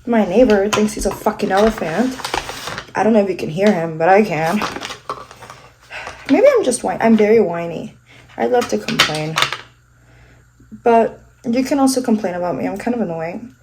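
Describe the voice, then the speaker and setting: A woman's voice: mid-range voice, lively intonation, moderate pace, pauses often, noisy background. A congested young woman filming a casual makeup vlog at home, rambling and joking about herself with casual swearing. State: congested, sniffling. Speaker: vlogger. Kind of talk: casual get-ready-with-me chat.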